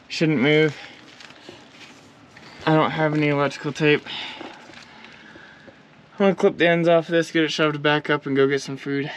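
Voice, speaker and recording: A man's voice: on the high side, slight background noise. A tired man vlogging outdoors beside his truck, rambling easily with lots of fillers. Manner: rambling, easygoing, with many fillers and laughs. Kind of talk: casual off-the-cuff vlog talk.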